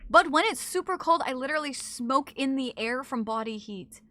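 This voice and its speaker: Streaming live, a young woman chats casually with viewers and reads their comments, teasing them and swearing freely. Her voice is high and sharp, with lively intonation at a normal speed.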